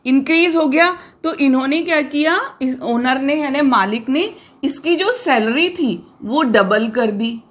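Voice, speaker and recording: A woman with a high, light voice teaches a grammar lesson. She explains patiently, repeats key words and asks her pupils questions along the way. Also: a little slow. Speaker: English teacher.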